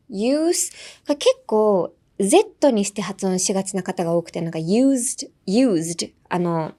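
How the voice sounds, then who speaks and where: A young woman hosting a pronunciation lesson, switching between two languages, repeating words slowly and laughing often. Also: mid-range voice, warm tone. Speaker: English pronunciation teacher and host.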